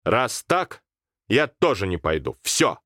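A man's voice: on the low side, sing-song, slow pace, fairly bright tone, no room sound, clean studio sound, full character voice. A man voicing a bold, boastful village boy in a storybook reading, coaxing and swaggering.

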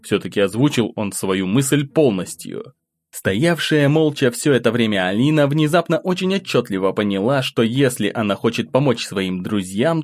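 A man's voice: mid-range voice, no room sound. A man steadily narrating an audiobook and voicing the first-person narrator.

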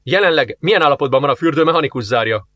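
Man doing a brisk deputy commander giving orders, short commanding lines, dry close sound. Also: fairly high pitch, lively intonation, a bit bright, no echo, lo-fi sound. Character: eager male deputy commander investigating a murder.

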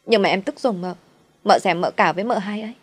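A woman's voice: medium pitch, fast talker, husky, no echo, close to an everyday voice. A woman voicing a young female servant who pleads and protests on her mistress's behalf. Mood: indignant. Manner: pleading, indignant.

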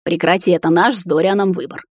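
Woman reading a cold curt hunter husband, lowish voice, dry close sound. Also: steady tone, fast talker, dry recording, close to an everyday voice. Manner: cold, clipped.

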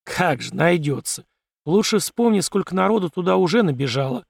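A man's voice: sits high, expressive, normal speed, creaky, slightly rough, no echo, voice pushed up, exaggerated voice. A man voicing a wary, practical male survivor who speaks in a dry, bossy, mocking way in an audiobook. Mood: lecturing.

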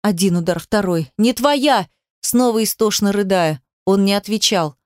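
A woman's voice: medium pitch, moderate pace, darkish tone, no echo, studio quality. A woman giving emotional first-person narration of a dramatic story in a tearful tone. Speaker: audiobook narrator.

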